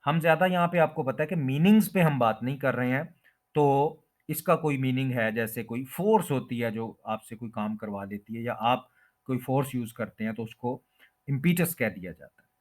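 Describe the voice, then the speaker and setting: A man teaching English word pronunciation, who repeats each word slowly and draws out the stressed syllable. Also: mid-range voice, darkish tone. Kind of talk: pronunciation lesson explained in Hindi-Urdu.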